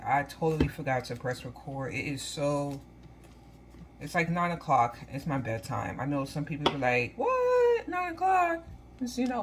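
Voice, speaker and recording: A woman's voice: deep voice, slight background noise. Chatty woman vlogging from her kitchen. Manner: self-described monotone, easygoing and chatty. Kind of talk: casual chat to camera. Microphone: phone.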